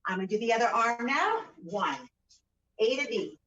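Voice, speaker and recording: A woman leading a home workout as a fitness instructor, counting out repetitions and giving short, encouraging, energetic cues. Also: fairly high pitch, moderate pace. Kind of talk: exercise class instruction with counting aloud. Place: indoors at home, room with a couch. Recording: roomy, distant, dull home-video sound.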